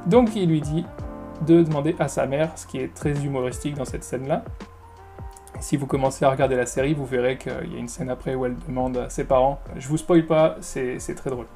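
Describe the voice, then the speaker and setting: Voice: medium pitch, steady tone, brisk, dark tone, soft background music. A teacher patiently explaining English phrases in French, step by step, often repeating key words.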